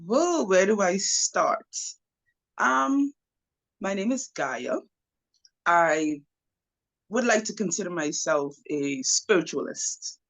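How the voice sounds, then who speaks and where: A young woman from the Bahamas, a spiritualist guest, telling her story in a casual interview with fillers and lively asides. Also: fairly low pitch, slow, pauses often.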